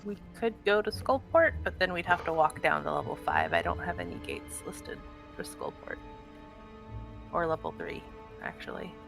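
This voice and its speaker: A woman's voice: sits low, huge pitch swings, moderate pace, creaky, music in the background. A woman playing a tabletop role-playing game, chatting casually as a player.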